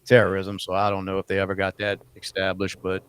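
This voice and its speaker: A man's voice: deep voice, completely flat delivery, fast, a bit bright, clear, resonant tone, no echo. A man hosting a casual podcast chat, rambling and dropping plenty of "you know" fillers. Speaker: podcast host.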